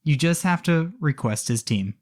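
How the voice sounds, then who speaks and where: Co-host, animated storyteller with a lively, swinging pitch and wry asides. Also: normal speed. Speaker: podcast co-host. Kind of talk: casual storytelling.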